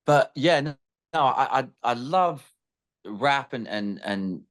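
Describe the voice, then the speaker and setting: A man's voice: mid-range voice, animated, slow, a bit bright. A young man from Greece raised in England, chatting animatedly as an interviewed musician, laughing often and restarting his sentences. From born in Greece, raised in England. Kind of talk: casual interview chat.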